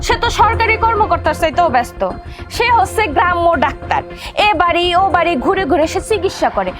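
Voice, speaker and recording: An actress playing a sharp-tongued, resentful daughter-in-law who taunts her family. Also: very high-pitched. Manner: sarcastic, taunting. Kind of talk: television drama acting.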